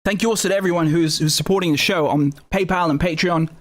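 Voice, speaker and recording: A man hosting a live stream, talking through current events in a casual, animated and sardonic way, often repeating words and swearing. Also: on the high side, fast talker, a little hiss or hum.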